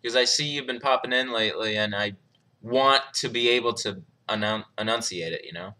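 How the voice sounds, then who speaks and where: A young man hosts a live question-and-answer stream in a laid-back way, reading viewer comments aloud and chuckling often. His voice is fairly low, brisk, bright and forceful.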